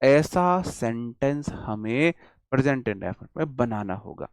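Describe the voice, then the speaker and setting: A man from India teaching an English grammar class, speaking slowly and emphatically, drawing out example words and asking questions he answers himself. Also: medium pitch, animated, smooth, dry recording, studio quality. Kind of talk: classroom lecture.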